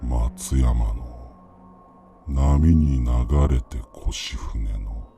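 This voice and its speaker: Man voicing a very deep, hushed vengeful ghost emperor. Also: faint music behind, full character voice. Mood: eerie, hushed. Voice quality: very deep, husky, breathy. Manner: hushed, eerie, slow ghost-story delivery. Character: vengeful ghost of a fallen emperor, proud, menacing. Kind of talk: Japanese ghost story storytelling.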